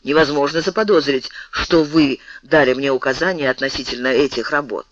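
A man voicing a huge, good-natured male giant with a gruff, booming voice. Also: brisk, a bit bright, dry recording, lo-fi sound, lightly acted. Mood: grumbling.

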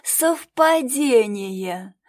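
A woman voicing an excitable, impatient young woman who speaks loudly, insistently and theatrically. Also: on the high side, normal speed, pitched above the performer's own voice, natural voice.

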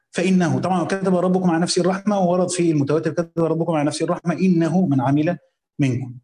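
A man with an Egyptian accent reading a classical religious commentary aloud, slowly voicing the text, then explaining it in casual colloquial asides. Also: on the high side, warm tone, reverberant. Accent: Egyptian Arabic.

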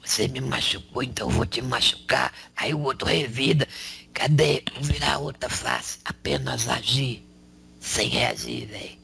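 A man channeling a male spirit who preaches in a slangy, raspy whisper, tagging lines with rhetorical questions. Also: medium pitch, normal speed, sharp tone, slight background noise. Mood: preaching. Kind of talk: spiritual counsel.

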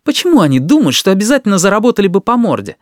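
A man's voice: high-pitched, sing-song, rapid-fire, no echo, clean studio sound, pitched above the performer's own voice. A man voicing an outspoken schoolboy who mocks the cowards. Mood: mocking. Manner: mocking, loud.

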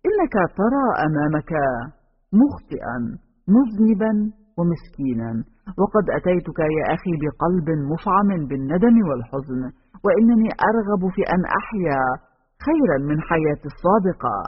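A man voicing a remorseful young man pleading softly with his brother. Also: sits high, sing-song, a little fast, husky, heavily acted. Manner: soft, pleading. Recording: dull home recording with long reverb.

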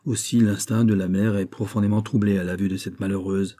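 A man narrating an audiobook novel in a measured, solemn way. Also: lowish voice, little pitch movement, mellow.

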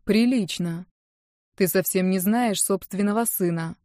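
A woman reading an audiobook, voicing a sullen, stubborn young man who answers tersely and flatly. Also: mid-range voice, unhurried, no echo, clean studio sound, close to an everyday voice. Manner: flat, terse and defiant.

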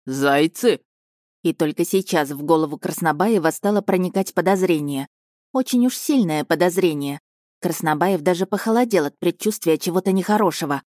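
A woman narrating a children's storybook audiobook in an even, measured way, close to the mic. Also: fairly low pitch, no room sound.

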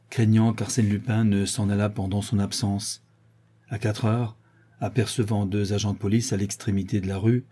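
A man reading a classic novel aloud, measured and storytelling, lifting his voice for the dialogue. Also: on the low side, warm tone, husky. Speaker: audiobook narrator. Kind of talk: scripted narration of a classic novel.

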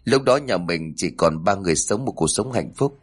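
A man's voice: low-pitched, animated, normal speed, breathy edge. A man reading aloud, voicing a devoted young son in a family storybook tale who speaks earnestly and pleads.

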